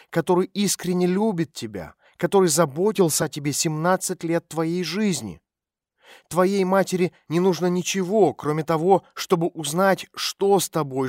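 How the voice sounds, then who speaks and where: A man voicing a calm woman private detective who speaks quietly and gently to coax a runaway girl. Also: a little high, dry recording, studio quality, natural voice. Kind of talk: audiobook character voice.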